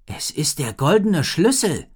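A man reading a storybook and voicing a bold, determined girl who rides a dragon and shouts orders. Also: high-pitched, very animated, moderate pace, voice pushed up. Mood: urgent.

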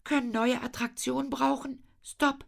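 A woman's voice: sits high, little pitch movement, moderate pace, creaky, voice pushed up, heavily acted. A woman voicing a sensible young girl who speaks in a matter-of-fact way.

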